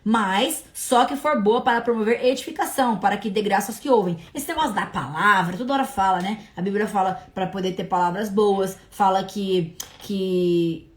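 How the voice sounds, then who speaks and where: A woman from hosting a casual livestream Bible study, talking in an animated, chatty way. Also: medium pitch, moderate pace, hardly any pauses. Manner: animated, chatty, breaks into laughs. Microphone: livestream mic.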